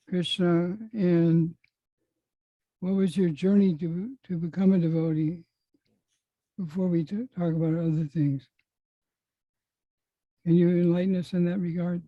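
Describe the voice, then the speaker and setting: Slow, flat-voiced host asking questions. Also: mid-range voice, no echo, muffled recording.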